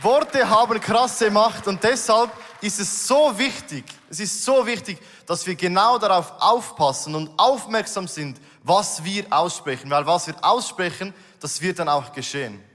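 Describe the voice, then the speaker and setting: High-voiced man preaching in an echoey hall. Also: measured pace, hardly any pauses, a bit bright. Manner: earnest, emphatic, addresses the audience directly. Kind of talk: sermon with live illustration. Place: church stage before a congregation.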